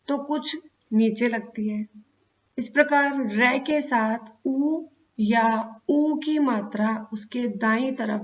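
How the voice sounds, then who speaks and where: Female teacher for young children, fairly high voice, slow, sounds out each word, dull lo-fi recording. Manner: slow, spells out words sound by sound. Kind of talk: Hindi grammar lesson for children.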